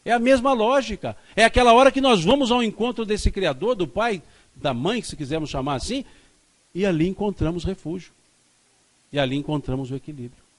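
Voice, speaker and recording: Animated high-voiced male lecturer. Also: fairly quick. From Minas Gerais, Brazil. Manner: emphatic, repeats key phrases. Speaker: spiritist lecturer. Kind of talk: spiritist lecture. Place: spiritist center lecture hall.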